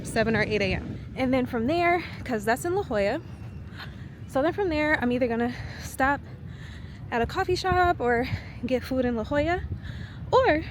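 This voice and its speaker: A woman's voice: on the high side, noisy background. A woman vlogging in casual chat, filler-heavy and laughing often.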